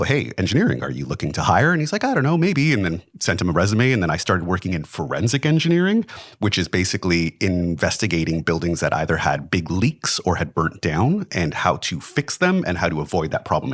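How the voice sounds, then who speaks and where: A young man chats casually as a podcast guest. His voice sits low, and the room sound is dry and close. He rambles a little, leaning on "like" and "kind of". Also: no echo. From Canada. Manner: relaxed and rambling, lots of "like" and "kind of". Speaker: podcast guest, building engineer. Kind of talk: casual interview chat.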